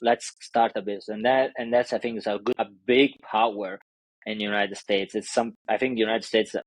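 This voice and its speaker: A man's voice: on the low side, flat delivery, a little fast, no room sound, poor audio. A man with an Italian accent speaking as a business coach in a casual interview, in loose non-native English full of fillers and restarts. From Italy.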